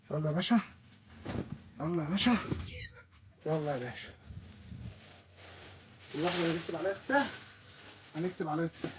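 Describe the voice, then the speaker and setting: A high-voiced Egyptian man hawks his carpets, chatty and quick to repeat short catchphrases. The recording sounds dull and lo-fi, with a faint hiss behind him. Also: a little mellow. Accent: Egyptian Arabic. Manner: chatty, repeats short phrases like a market hawker. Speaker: carpet seller. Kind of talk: casual market sales pitch.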